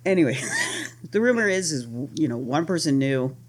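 A woman's voice: deep voice, moderate pace. A woman co-hosting a casual chat show, laughing often and swearing freely. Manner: laughs often, lively and profane. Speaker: podcast co-host.

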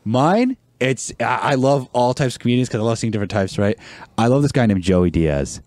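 Dark mellow guy rambling about stuff, blunt, laughs a lot, dry close mic. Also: medium pitch, lively intonation, brisk, dry recording. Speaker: podcast guest. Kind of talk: casual chat.

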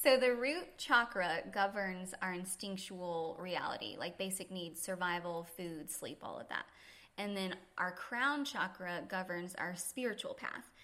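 A woman's voice: lowish voice, a little slow, bright, forceful tone. A woman yoga instructor, a podcast guest, telling earnest and reflective stories about faith and teaching, laughing easily. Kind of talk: faith-centered conversational storytelling.

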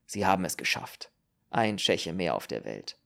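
A man reading a cynical, gravelly exiled politician. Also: low-pitched, very animated, normal speed, bright, forceful tone, voice pushed down, heavily acted. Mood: sardonic. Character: cynical, world-weary male exiled politician. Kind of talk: audiobook character reading.

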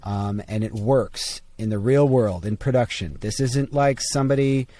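A man's voice: mid-range voice, normal speed, mellow. A man in a casual tech discussion, starting sentences over with stammered restarts and fillers.

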